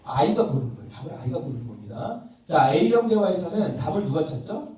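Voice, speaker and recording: A man teaching a church parenting workshop, talking fast and quizzing the room as he goes. His voice is mellow and a little high, with a lively, swinging pitch. He sounds distant from the mic, in a very echoey hall with a faint hiss behind him. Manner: quizzes the audience and acts out parent-child dialogues. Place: church welfare hall classroom.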